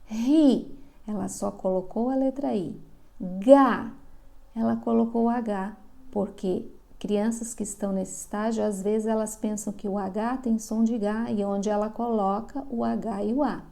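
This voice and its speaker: A middle-aged woman from Brazil, a literacy teacher explaining to parents, slowly sounding out syllables. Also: medium pitch, fairly even intonation, vocal fry, warm tone. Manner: slow, drawn-out sounding of syllables.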